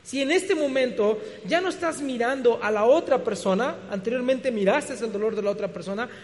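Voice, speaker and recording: A man preaches in a very high voice, throwing out rhetorical questions and stumbling over restarts. His sermon rings through a hall with a long echo. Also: brisk, a little mellow. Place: church hall. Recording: reverberant hall.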